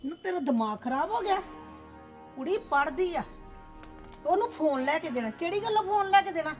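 A woman's voice: very high voice, expressive, brisk, soft background music. A woman playing a stern grandmother who scolds and lectures in a family drama. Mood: scolding. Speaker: actor.

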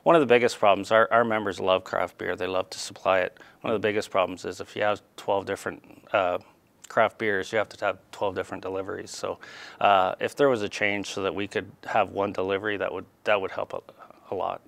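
A middle-aged man speaks for his industry in a studio interview, his voice low-pitched. The sound is dry and close on a lapel mic, and he stumbles through fillers and repeated words as he explains. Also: little pitch movement, brisk, gravelly, a bit bright, no room sound. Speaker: restaurant industry spokesman. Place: small TV studio.

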